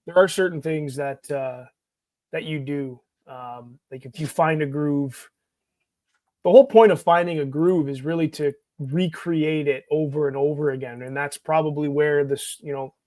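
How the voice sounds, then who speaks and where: A man's voice: fairly high pitch, no echo. A man co-hosting a casual sports podcast, talking in bursts and repeating words as he thinks. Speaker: podcast co-host.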